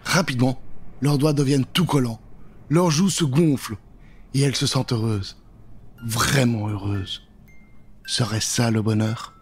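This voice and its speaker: In a small indoor recording set, a middle-aged storyteller speaks close to a pop-filtered studio mic, spinning a frightening tale for kids in a dramatic, suspenseful style. His mid-range voice moves a little slowly with long pauses, and there's a faint hiss or hum under the background music.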